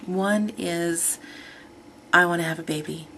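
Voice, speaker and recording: Woman in her thirties, low gravelly voice, rambling casual vlog talk, faint hiss behind. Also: fairly even intonation, unhurried, bright, forceful tone. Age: 30s. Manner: rambling, chatty, self-correcting. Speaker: vlogger.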